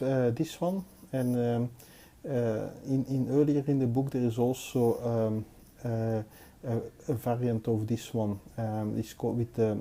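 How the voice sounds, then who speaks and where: A Belgian man with a mellow, dark, medium-pitched voice gives a casual hands-on review. He is a knife collector and reviewer sitting at a table indoors, speaking hesitantly and haltingly without a script.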